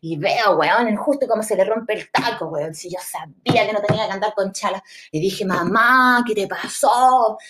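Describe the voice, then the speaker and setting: A young woman with a Chilean accent telling a story casually, animated and slangy, acting out the dialogue. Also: medium pitch, a little fast, slight background noise. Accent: Chilean Spanish.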